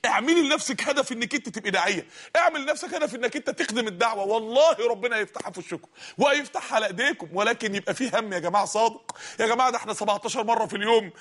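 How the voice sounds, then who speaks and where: A man preaching a fervent sermon in an Egyptian Arabic accent, exhorting his listeners and sometimes shouting. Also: very high voice, racing. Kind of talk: impassioned sermon.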